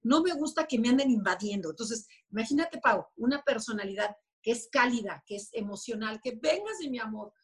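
A woman explaining personality types in a lively, conversational way, often acting out little quoted voices. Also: fairly high pitch, fairly quick, hardly any pauses, slightly rough. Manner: animated, acts out quoted voices. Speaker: enneagram expert guest.

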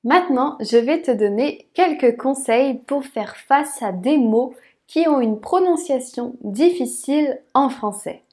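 A woman teaching French pronunciation, repeating words slowly syllable by syllable. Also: high-pitched, expressive, a little mellow, soft background music. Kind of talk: slow, careful pronunciation lesson.

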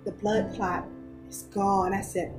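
A woman telling a story about a friend in casual storytelling style, unhurried and soothing. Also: mid-range voice, poor audio. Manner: unhurried, soothing when retelling how she calmed her friend. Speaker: interviewee, friend of the patient. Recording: music playing underneath.

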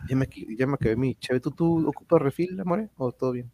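A man's voice: medium pitch, brisk, dark tone, a little hiss or hum. A man with a Mexican accent hosting a livestream, chatting informally with viewers in a rambling, slangy way. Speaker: livestream host. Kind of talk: casual chat with viewers.

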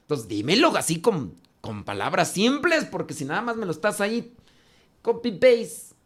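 A man's voice: high voice, sing-song, fairly quick, pushed and bright, slightly rough. A man with a Mexican accent, a priest giving an informal class, chatty and teasingly scolding as he answers questions. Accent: Mexican Spanish.

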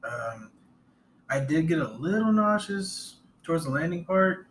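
A man co-hosting a podcast, joking in an easygoing way and chiming in with quick agreement. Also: on the high side, lively intonation, a little hiss or hum. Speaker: podcast co-host. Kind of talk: casual chat.

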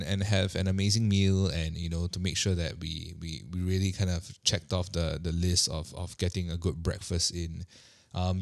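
A man's voice: low voice, no echo, clean studio sound. A man in his thirties telling a personal story in a chatty, self-deprecating way, often repeating words as he restarts.

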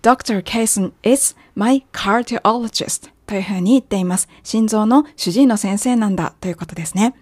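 A woman's voice: mid-range voice, mellow, no room sound. Patient Japanese-speaking woman teaching English. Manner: clear, patient explaining, careful slow English examples. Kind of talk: language lesson narration.

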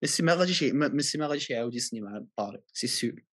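A man's voice: mid-range voice, expressive, very fast, fairly bright tone. A man with a Moroccan accent in a casual football debate, insistently repeating himself and dropping in many French phrases.

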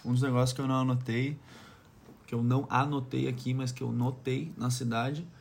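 This is a man from Brazil, an immigrant barber abroad, swapping casual stories with a southern Brazilian accent. He speaks slangily, drops the occasional swear word, and performs other people's remarks. His mid-range voice is steady, a little fast, creaky and slightly mellow, with a bit of background noise.

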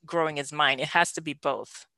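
In studio-quality audio with no echo, a Belgian podcast host talks candidly about her love life. Her low voice is sharp, with a steady tone and moderate pace, and she laughs often and restarts her sentences.

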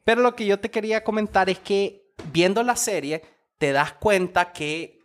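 A man's voice: high-pitched, moderate pace. A young man, chatting casually as a podcast co-host in a loose, rambling, slangy way with many restarts. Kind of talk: casual chat.

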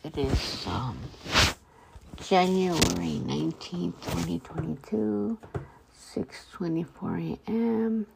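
A woman with toothless, gummy articulation, as if gumming soft food, rambling in a halting, repetitive, confiding monologue. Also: lowish voice, lively intonation, creaky, background noise. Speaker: personal podcaster. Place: at home.

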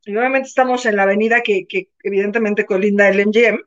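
A Mexican woman co-hosting a casual live show, telling an animated story and acting out the people in it. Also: medium pitch, fast talker. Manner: animated, acts out voices in her anecdotes. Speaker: co-host. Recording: muffled lo-fi sound.

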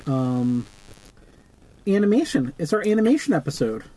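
A man's voice: a little high, sing-song, moderate pace, dark tone, rough recording. A man co-hosting a podcast, chatting casually and joking at his own expense. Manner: laughing through hiccups, self-mocking. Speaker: podcast co-host. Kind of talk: casual chat.

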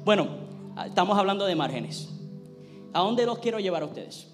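Male pastor, high voice, fervent sermon and prayer, long reverb in the sanctuary. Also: lively intonation, moderate pace. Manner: preaches with rising intensity, prays fervently. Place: church sanctuary. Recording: long hall reverb, faint music.

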